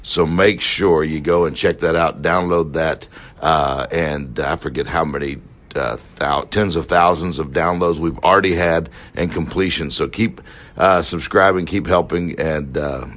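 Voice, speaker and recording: A man with a very deep, low voice hosts a coaching podcast. He rattles through plugs and calls to subscribe in a casual, rambling way, filling gaps with quick fillers. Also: a bit bright. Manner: fast, loose outro with fillers. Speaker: podcast host, success coach. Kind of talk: podcast hosting and promotion.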